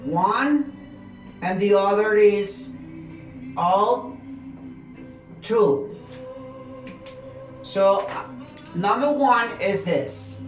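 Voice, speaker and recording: A woman's voice: mid-range voice, soft background music. Woman teaching grammar, echoey room. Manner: explains slowly, switching between English and Spanish, repeating words for drill. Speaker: English teacher. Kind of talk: bilingual grammar lesson.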